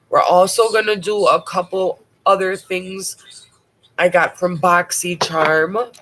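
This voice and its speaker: Reviewing makeup live despite a bad cold, this vlogger is talkative and frank, swearing casually along the way. She has a lowish, fairly bright voice, and the recording is rough.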